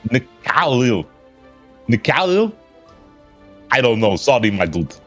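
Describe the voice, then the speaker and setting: Lower-pitched male caster, banter-heavy, animated delivery, faint music under him. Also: a little slow. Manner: playful banter, loose and laughing. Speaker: esports co-commentator. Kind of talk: live fighting game commentary.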